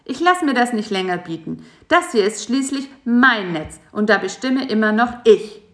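A woman's voice: fairly high pitch, expressive, normal speed, voice pushed up, natural voice. A grumpy homebody spider, grumbling and snapping at his pesky guest, as a woman acts him out. The voice sits somewhat raised and firm. It sounds echoey, like a reading in a bare room. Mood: snappy. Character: grumpy lazy male spider, stay-at-home. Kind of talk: storybook voice acting.

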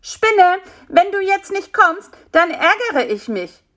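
A woman's voice: high-pitched, very animated, moderate pace, a bit bright, pitched above the performer's own voice. A woman voicing a small, whiny and self-important male fly in a storybook reading, chattering and pleading dramatically. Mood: dramatic.

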